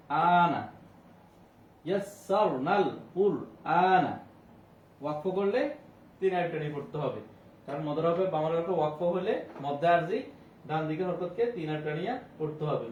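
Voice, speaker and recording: A man teaching an online Quran reading class. He names each letter and vowel mark, then draws the syllables out into slow recitation. His fairly high voice sounds a little off-mic in an echoey room, over a faint hiss. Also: a little mellow, recorded from a distance, muffled recording.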